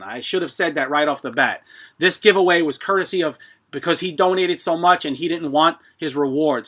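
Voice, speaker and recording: A middle-aged man hosting a live stream, chatting casually and haltingly to viewers, often clearing his throat. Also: fairly high pitch, pushed and bright. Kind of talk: casual rambling chat to viewers.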